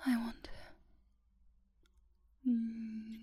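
A woman whispers an ASMR girlfriend roleplay close to the microphone, soft, affectionate and drowsy. Her voice sits a little high but stays flat and slow. The sound is mellow, breathy and dry. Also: a little hiss or hum. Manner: slow and soothing, sleepy.

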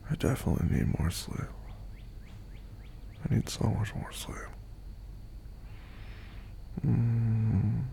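Gravelly, drowsy whispering man. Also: fairly low pitch, slow pace, long pauses, slight background noise. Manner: sleepy, drowsy murmuring with soft whispers. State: hungover and half asleep. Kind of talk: intimate whispered audio roleplay.

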